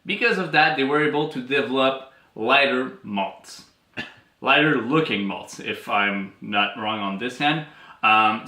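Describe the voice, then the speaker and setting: A man co-hosting a casual beer chat, explaining in a relaxed, chatty way. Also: mid-range voice. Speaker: co-host of a beer show. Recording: echoey room.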